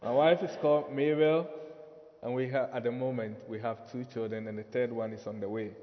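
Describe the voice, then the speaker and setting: A pastor in his forties with a Ghanaian accent preaches in a friendly, conversational, self-deprecating way. His medium-pitched voice is steady and fairly quick, in a dull, reverberant church hall.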